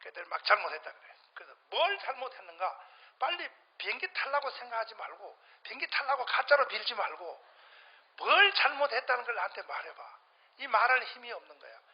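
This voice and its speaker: A middle-aged male pastor preaching a sermon to his congregation, swinging between fiery shouts and low muttering. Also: big pitch swings, a little fast, husky. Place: church before a congregation. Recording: dull lo-fi sermon recording.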